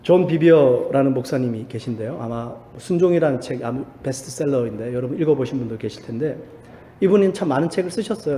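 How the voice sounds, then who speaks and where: A male pastor preaching in a church, his mellow voice swinging widely in pitch. He asks his listeners questions and then answers them. The sound carries a long reverb from a roomy sanctuary. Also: slight background noise. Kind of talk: sermon. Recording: echoey church hall reverb.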